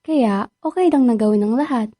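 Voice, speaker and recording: A woman's voice: a little high, fairly quick, warm tone, close to an everyday voice. A woman playing Francesca, a flirty mistress. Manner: teasing, giggly. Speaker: voice actor. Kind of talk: radio drama acting.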